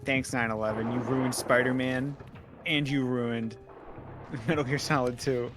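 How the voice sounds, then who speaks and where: A man's voice: medium pitch, fairly even intonation, measured pace. Joking man on a stream, music behind. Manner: joking, mock-dramatic asides. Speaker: stream co-host. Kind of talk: casual gameplay chat.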